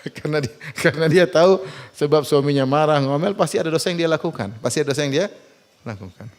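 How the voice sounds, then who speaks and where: A man with an Indonesian accent preaching a sermon in a mosque, questioning the congregation and mixing jokes with teaching. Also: quick pace. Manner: animated, rising for emphasis and dropping low for asides, asks the audience questions.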